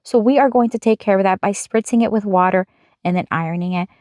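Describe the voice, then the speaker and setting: A woman's voice: medium pitch, fast talker, a little mellow, dry recording. A young adult woman narrating a step-by-step craft tutorial in a chatty, upbeat voice-over. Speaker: craft channel host.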